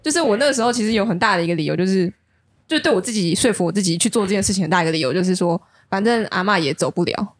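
Taiwanese Mandarin woman, podcast co-host; husky, fast, earnest. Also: mid-range voice. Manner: earnest, thinking aloud with fillers. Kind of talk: casual chat.

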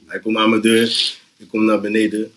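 A young man, telling an animated, slang-heavy story on a casual podcast and often laughing. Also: lowish voice, moderate pace. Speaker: podcast host.

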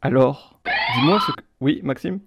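A man running a casual quiz show for his friends. He talks in a chatty, loose way, restating the rules more than once and reading out lyrics in a deliberately flat voice. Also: medium pitch, creaky, noisy background. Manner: chatty, repeats himself, reads lyrics flatly. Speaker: quiz host.

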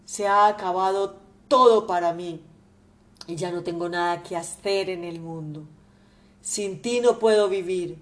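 A woman's voice: fairly low pitch, a little slow, close to an everyday voice. A woman voicing an old miserly father who rages and wails over his lost money, in shrieking, desperate outbursts. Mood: despairing.

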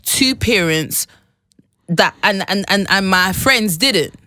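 Woman, urban London roadman accent, bright and punchy, casual slang-heavy conversation with check-in questions, dry recording. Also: medium pitch, lively intonation, slow pace, no echo. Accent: London roadman, urban multicultural street English. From northwest London, England. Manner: slangy street talk with emphatic check-in questions. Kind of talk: casual chat.

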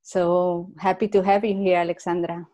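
A woman hosts a casual interview in a friendly way, laughing easily between questions. Her voice is somewhat low and mellow. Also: little pitch movement, moderate pace, highs cut off. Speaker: host.

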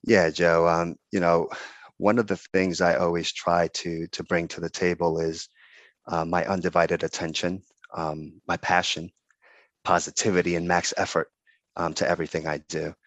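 A middle-aged man from the Dominican Republic, a guest in a casual interview, talking earnestly and haltingly with many pauses and restarts. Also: sits low, little pitch movement, a bit bright, no room sound.

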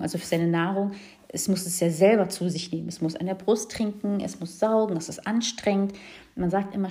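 A young woman speaks openly to her viewers as a new mother, in a casual, frank way. Her voice sits fairly low and sounds mellow and warm. She pauses often with fillers as she searches for words. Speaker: new mother sharing her birth experience. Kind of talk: casual personal account to viewers.

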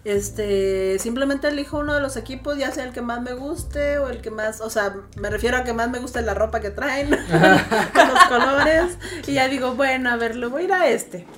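A woman chats on a podcast in a light, joking way. Her voice sits a little high. A faint hiss runs under the talk. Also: expressive, moderate pace, few pauses, a bit bright. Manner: playful, joking. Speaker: podcast co-host. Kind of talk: casual chat.

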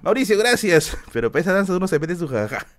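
A man's voice: a little high, lively intonation, racing, music in the background. A young man with a Peruvian Spanish accent telling a story in casual podcast talk, slangy and acting out quoted voices. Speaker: podcast host.

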